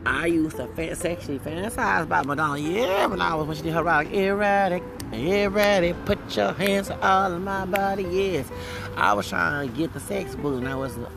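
A man's voice: on the high side, gravelly. A man in his forties talking casually on his podcast, chatty and fond of breaking into song snippets. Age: 40s. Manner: chatty, sings snippets of songs. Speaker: podcast host. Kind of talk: casual monologue. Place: outdoors near a street.

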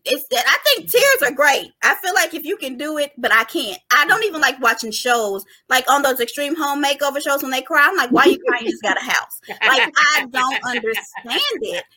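Woman co-host, bright and fairly high voice, chatty and emphatic, casual podcast talk. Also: lively intonation, moderate pace, hardly any pauses. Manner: chatty, emphatic, addresses listeners as y'all. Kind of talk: casual chat.

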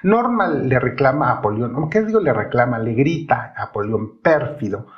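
A man's voice: mid-range voice, big pitch swings, normal speed, lo-fi sound. A man hosting a podcast, telling an opera plot in an explanatory storytelling way, with rising emphasis on connecting words.

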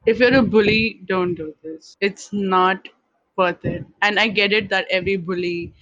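A woman's voice: mid-range voice, normal speed, a bit bright. A young woman co-hosting a podcast, telling a candid personal story in a casual, self-mocking way. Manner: candid, chatty, laughs at herself. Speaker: podcast co-host. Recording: dull lo-fi sound.

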